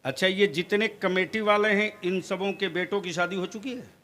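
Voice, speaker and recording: A man preaching a fiery sermon at an outdoor gathering, questioning the crowd and rising into shouts. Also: sits high, normal speed. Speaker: Islamic preacher.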